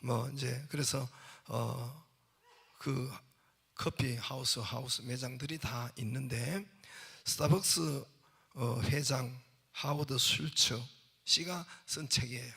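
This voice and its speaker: A man's voice: mid-range voice, slow pace, gravelly, bright, forceful tone, husky. A man preaching a sermon as pastor, telling jokes and asking his congregation questions. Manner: jokey storytelling, asks the congregation questions. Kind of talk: sermon with humorous anecdotes. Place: church sanctuary.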